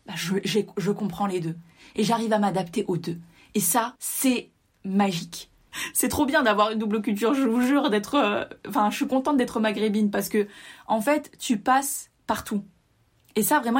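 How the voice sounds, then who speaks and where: Breathy-voiced woman telling her story. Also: a little high, moderate pace. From France. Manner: animated storytelling, addresses listeners directly. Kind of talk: personal monologue to listeners.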